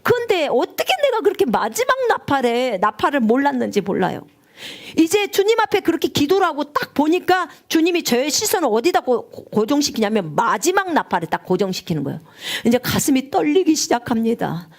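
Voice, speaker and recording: High, lively woman preacher. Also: fairly quick. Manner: emotional storytelling, voice rising and breaking into tears. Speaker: missionary preacher. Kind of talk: live-streamed sermon testimony.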